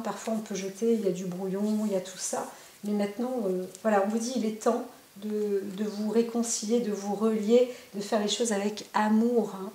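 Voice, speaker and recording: A woman's voice: medium pitch, warm tone. Roomy-sounding woman giving a card reading. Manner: talks directly to the viewer, many fillers and tag questions. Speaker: psychic card reader. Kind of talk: spontaneous oracle card reading to camera.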